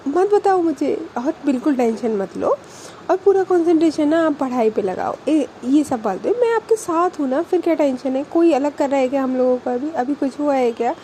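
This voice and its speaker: A woman's voice: high-pitched, expressive, moderate pace, warm tone, a little hiss or hum. A woman voicing a patient young working woman who soothes and reassures her partner. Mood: soothing.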